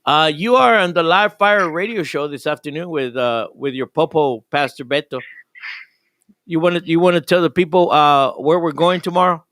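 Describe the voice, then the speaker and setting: A man's voice: on the high side, normal speed, a bit bright, no room sound. An older man, a pastor hosting a live radio show, talking in an enthusiastic, rambling way with frequent restarts.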